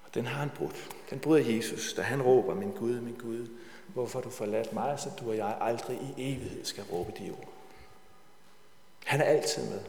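Male preacher delivering a sermon in a church, emphatic and repetitive, reverberant room. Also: medium pitch. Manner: emphatic, repeats key phrases, swings between loud and hushed. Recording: echoey hall with long reverb.

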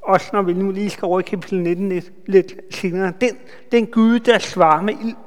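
A man's voice: sits high, steady tone. Guy preaching, retells the bible story with chatty asides to the crowd, big echoey hall. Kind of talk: sermon. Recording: long hall reverb.

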